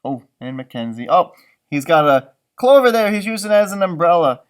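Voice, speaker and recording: A man with a fairly high, clear, resonant voice reads a children's story aloud at normal speed. He plays the storybook reader, tossing in animated, chatty, improvised asides about the pictures.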